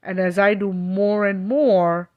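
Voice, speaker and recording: A woman's voice: medium pitch, fairly even intonation, takes it slowly, narrow, tinny audio. A woman from Kenya, a spiritual healer hosting a live stream, chatting casually and reassuringly with viewers and often checking in with "okay?".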